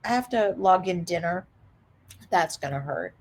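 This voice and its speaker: A woman vlogger casually retelling a dramatic story, animated, with frequent laughter. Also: on the low side, moderate pace. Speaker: reseller vlogger.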